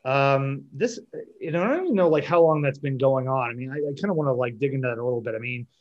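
A man's voice: medium pitch, fast talker. Chatty man hosting, dull lo-fi sound. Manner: chatty, rambling, self-interrupting. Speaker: podcast host. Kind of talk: casual podcast conversation.

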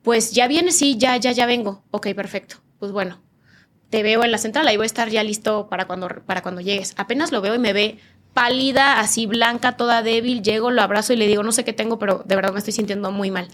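A woman's voice: fairly high pitch, brisk, fairly bright tone. Mexican woman telling a vivid story. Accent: northern Mexican. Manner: vivid storytelling, acting out quoted dialogue in changed voices. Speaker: podcast guest, nutritionist. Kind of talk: emotional personal testimony.

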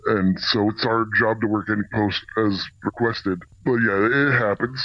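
A man working as a corrections officer answers radio interview questions in a plain-spoken, halting way, his voice disguised to sound deeper. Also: steady tone, no echo, muffled recording. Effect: voice disguised to protect anonymity, deepened. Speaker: corrections officer, senior officer specialist.

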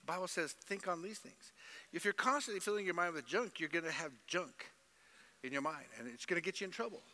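Emphatic preacher in a church hall. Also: male voice, sits high, lively intonation, a little fast, bright, forceful tone. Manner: emphatic preaching with mimicked voices. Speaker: pastor. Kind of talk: sermon.

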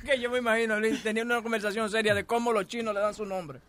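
Man, co-host, high-pitched, bright, laughing quips. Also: flat delivery, quick pace. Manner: laughing, teasing interjections. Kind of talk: casual radio banter.

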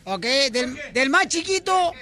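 A man hosting a radio comedy segment, boisterous and shouting cues as he tells jokes. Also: extremely high pitch, very animated, unhurried, a crowd in the background. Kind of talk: loud radio banter and joke telling.

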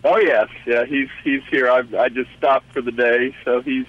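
A man's voice: mid-range voice, steady tone. Hesitant male caller on a muffled phone line. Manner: hesitant, halting, laughs easily. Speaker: caller, truck driver. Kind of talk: phone-in call.

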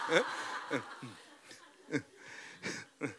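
A pastor preaching a sermon, swinging from quiet, chatty asides to loud, tearful preaching, and often asking his listeners whether they agree. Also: drawn-out words, very noisy. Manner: keeps asking the listeners "right?". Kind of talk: sermon with banter to the congregation.

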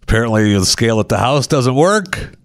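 A man's voice: medium pitch, expressive, brisk. A man co-hosting a casual chat show, reading odd news stories aloud, laughing often and putting on mocking voices.

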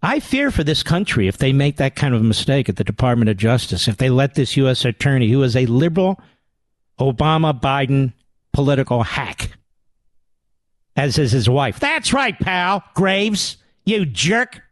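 A man's voice: medium pitch, big pitch swings, normal speed, dry recording. A man hosting a talk radio show, delivering an indignant, sarcastic political rant into a studio microphone.

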